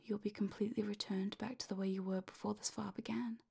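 A woman speaks close and low in a breathy, half-voiced whisper, her tone gravelly with fry. She keeps a flat, even pitch and a slow, commanding pace as she guides the listener in hypnosis. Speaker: hypnosis audio creator.

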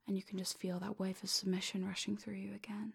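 A woman speaks close and low in a breathy, half-voiced whisper, her tone gravelly with fry. She keeps a flat, even pitch and a slow, commanding pace as she guides the listener in hypnosis. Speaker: hypnosis audio creator.

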